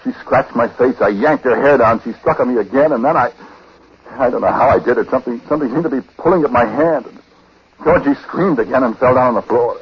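An actor playing a troubled, uneasy husband who narrates in a hesitant, conversational way in a 1940s radio drama. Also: male voice, low-pitched, moderate pace, long pauses. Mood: agitated recounting. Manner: hesitant, conversational, breaking off and repeating words. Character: troubled husband, uneasy, recounting his own story. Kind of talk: 1940s radio acting, first-person confessional narration. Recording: muffled, noisy 1940s radio recording.

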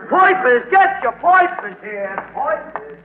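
A cocky slangy newsboy. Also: male voice, sits high, animated, moderate pace. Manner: slangy, mispronouncing, laughing. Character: cocky street newsboy, boastful joker. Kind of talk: 1940s radio acting. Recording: tinny old radio broadcast with faint hiss.

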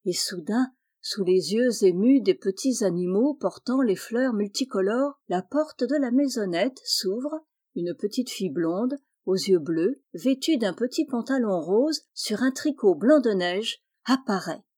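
A woman reading a children's storybook aloud, in a clear, expressive storytelling manner. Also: mid-range voice, unhurried.

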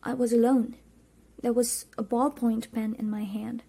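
A woman narrating a storybook in the first person, lively and expressive. Her voice sits somewhat high, and she shifts into the characters as she reads. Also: measured pace, breathy edge. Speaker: audiobook reader.

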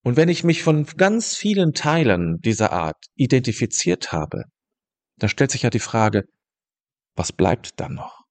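A man teaching about meditation in a calm, thoughtful way, speaking directly to the listener and pausing to rephrase his ideas. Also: medium pitch. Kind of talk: reflective spoken teaching monologue.

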